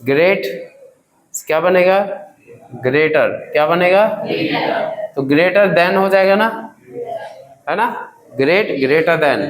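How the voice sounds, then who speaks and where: A man teaches grammar in a classroom lesson, drilling students with repeated questions and calling them children. His voice is fairly high and slow, with long pauses, heard in an echoey room on poor audio.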